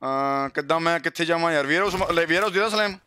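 A man's voice: fairly high pitch, fairly quick, sharp tone, clear, resonant tone, no room sound. A man with a Punjabi accent chatting casually and boisterously as a game livestream host, full of slangy banter and swearing. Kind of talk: casual gameplay livestream chat.

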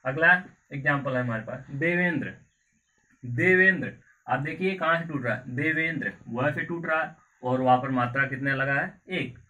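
A man teaching a grammar lesson in a coaching class, slowly repeating words and asking the class questions. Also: medium pitch, bright, forceful tone. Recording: far from mic with faint background noise.

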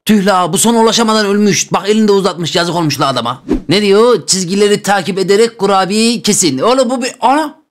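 A man hosting a gaming channel, giving excited, joking gameplay commentary straight to his viewers. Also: high-pitched, fast, a little hiss or hum.

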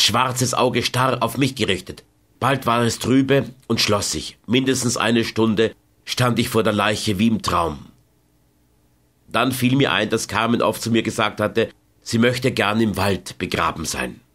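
Male audiobook narrator, measured and dramatic. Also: fairly low pitch, a bit bright. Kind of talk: scripted first-person narration.

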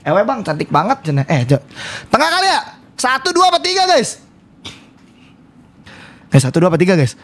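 A man streaming a horror game, talking loudly and rowdily to his chat and swearing often. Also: high voice, huge pitch swings, moderate pace, pauses often. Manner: loud, rowdy, swearing, addresses chat constantly. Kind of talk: live-stream gameplay commentary.

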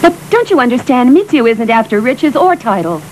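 A woman's voice: a little high, big pitch swings, a little fast, noisy background. An actress playing an earnest mother pleading for her son in a dubbed film.

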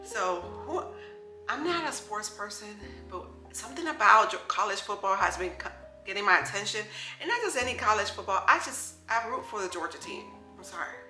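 A woman's voice: mid-range voice, animated, fairly quick. A woman in her thirties from New York, chatting casually to camera in her home kitchen as a lifestyle vlogger, upbeat and talking straight to her viewers. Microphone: camera close on the counter. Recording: echoey kitchen with faint music.

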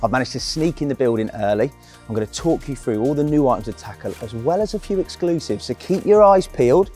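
A man's voice: medium pitch, animated, quick pace, warm tone, soft background music. A young man gives an upbeat, colloquial product walk-through at a trade show, speaking into a lapel mic. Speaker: product presenter. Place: large indoor trade show hall.

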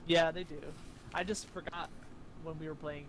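Man, chatty co-op gamer, slightly high voice, faint hiss. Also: little pitch movement, normal speed, a bit bright. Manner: chatty, laughs easily, says "like" a lot. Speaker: co-op player. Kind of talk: casual gaming chat.

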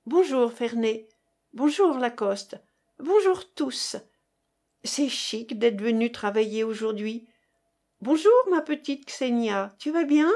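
A woman voicing a spirited young woman student who speaks brightly and with enthusiasm. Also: a little high, expressive, slow. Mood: cheerful.

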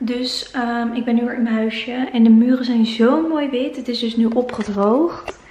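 A woman's voice: on the high side, fairly even intonation, moderate pace, mellow, rough recording. A young woman in her twenties chatting in a casual vlog, filming herself handheld in an empty new apartment. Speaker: vlogger. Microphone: handheld camera close to the face.

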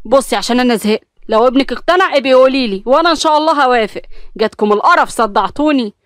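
Woman playing a fed-up Egyptian father, loud, quick. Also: sits high, expressive, no echo, clean studio sound, voice pushed up. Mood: exasperated. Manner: exasperated, loud. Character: irritated middle-aged father.

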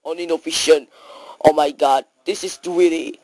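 A woman's voice: sits low, fairly even intonation, normal speed, darkish tone, no echo, rough recording. A woman acting out an improvised comedy skit in broken English, full of exclamations and sudden switches of voice.

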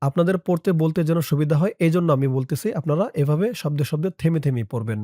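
A man with a Bangladeshi Bengali accent teaching a prayer in an Arabic lesson, spelling out each letter and vowel mark and then reciting the words slowly and drawn out. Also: a little high, mellow, no echo, clean studio sound. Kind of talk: slow syllable-by-syllable recitation lesson.

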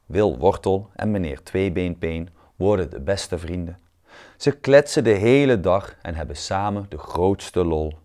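Lower-voiced man reading a children's book. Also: unhurried. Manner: calm and clear, storytelling. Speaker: storyteller. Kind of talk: read-aloud children's story narration.

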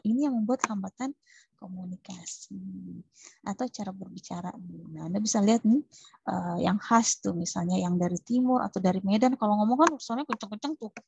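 A woman's voice: mid-range voice, gravelly, slightly rough, dry recording, muffled recording. A woman nursing lecturer teaching a class, taking student answers and acting out short patient and nurse exchanges. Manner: lively, acts out patient and nurse dialogues.

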